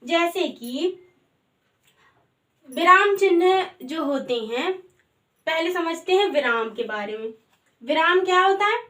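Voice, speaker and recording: A woman's voice: very high voice, lively intonation, slow, long pauses, a bit bright. A woman teaching a grammar lesson in a patient way, asking the class questions and answering them herself.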